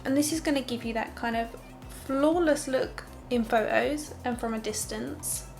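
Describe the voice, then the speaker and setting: A woman's voice: fairly high pitch, normal speed, creaky, darkish tone, faint music behind. A young woman talking through a makeup tutorial in a casual, candid way, with sarcastic asides.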